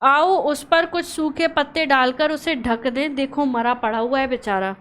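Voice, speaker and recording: A scheming male turtle who plays along with a trick and fakes mourning, as a woman puts him on. The voice is high and bright. It is read aloud as a children's storybook play. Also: a little slow. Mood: fake grief. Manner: friendly, then scolding.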